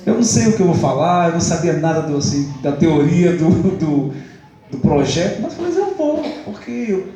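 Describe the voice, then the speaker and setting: A man's voice: on the high side, sing-song, normal speed, mellow, a little hiss or hum. A young man with a Brazilian accent giving a testimony in a church service, telling his story in a chatty way and acting out the dialogue. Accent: Brazilian Portuguese. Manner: chatty storytelling, acts out the dialogue, laughs often. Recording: echoey church hall.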